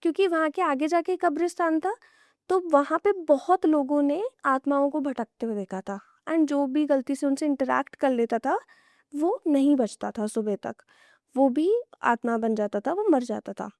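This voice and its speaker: Guesting on a podcast as a horror storyteller, a young woman speaks in a high, darkish voice at a moderate pace. Her conversational, casual delivery pulls listeners into hypothetical what-if scenarios. The sound is clean studio audio with no room sound.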